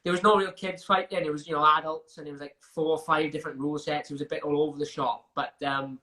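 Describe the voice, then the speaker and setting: Bright-voiced young Welsh man. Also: on the high side, little pitch movement, quick pace. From Wales. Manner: chatty, frequent restarts and fillers, laughs while telling stories. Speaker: MMA fighter guest. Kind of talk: casual interview chat.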